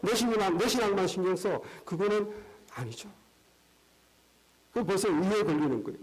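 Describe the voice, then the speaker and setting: A male pastor preaching a sermon in a church, animated and acting out dialogue. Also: high voice, moderate pace, husky, low-quality recording. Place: church sanctuary.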